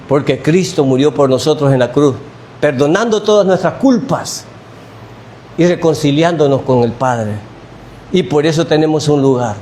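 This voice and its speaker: A man preaching a sermon in a church, animated, asking the congregation questions and repeating phrases. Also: a little high, slight background noise. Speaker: pastor.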